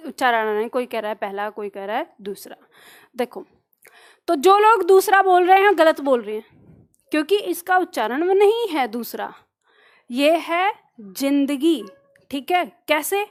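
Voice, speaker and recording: A woman's voice: high-pitched, animated, moderate pace. A woman teaching a grammar class, explaining at a board and quizzing her students on how words are pronounced. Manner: quizzes students with pronunciation choices. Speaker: Hindi teacher. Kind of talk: classroom lecture.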